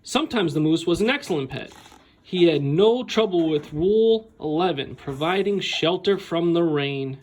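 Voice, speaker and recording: With a fairly high-pitched voice, a man reads a picture book aloud expressively, like a school staff member at storytime. His phrasing is animated and deliberate, punctuated by dramatic pauses.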